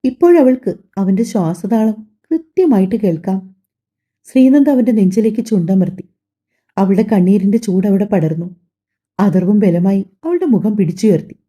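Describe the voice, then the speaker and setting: A woman reading a family drama audiobook aloud, telling the story softly and voicing every character herself. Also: mid-range voice, animated, moderate pace. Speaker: audiobook narrator.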